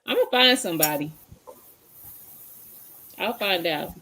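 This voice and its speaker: Female livestream host, lowish voice, loose and chatty, greets viewers as she goes. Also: animated, unhurried, bright, forceful tone. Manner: chatty, greets viewers by name, searches while talking. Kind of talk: casual livestream chat.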